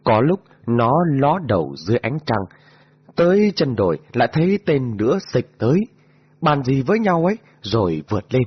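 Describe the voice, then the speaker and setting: A man voicing a loyal highland male servant who pleads and exclaims in a raised, lively voice. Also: normal speed, slightly rough, lo-fi sound. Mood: pleading. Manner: excited, exclamatory, raised pitch.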